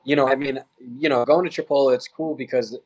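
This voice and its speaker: The speaker is a young man, a college baseball player, relaxed as a podcast guest and sharing stories in casual interview chat. He talks fairly quickly at a medium pitch with a steady tone, over poor audio.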